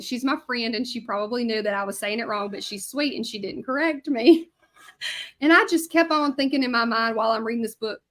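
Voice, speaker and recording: High and fairly bright, this woman's voice belongs to a Southern-accented Louisianan in her thirties who teaches hand lettering on a livestream. She's chatty and bubbly, casually talking with viewers as she works through the demonstration.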